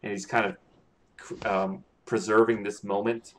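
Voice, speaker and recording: A man narrating a tabletop game as game master, halting and full of restarts. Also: on the low side, little pitch movement. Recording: noisy with clicking.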